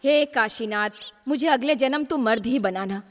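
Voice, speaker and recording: An actress dubbing a sharp-tongued, mocking village phone booth keeper in a film. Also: female voice, on the high side, moderate pace, big-room sound, close to an everyday voice.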